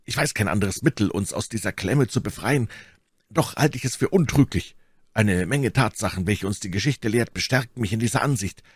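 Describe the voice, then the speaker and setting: A man voicing a calm, scheming young male painter who explains his plan earnestly and persuasively. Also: fairly low pitch, fairly quick, husky, no room sound, studio quality.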